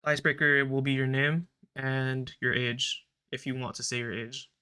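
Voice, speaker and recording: Bright-voiced young male podcast host. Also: mid-range voice, moderate pace, clean tone. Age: young adult. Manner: relaxed, rambling, filler-heavy, recites a prayer. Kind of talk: casual podcast chat.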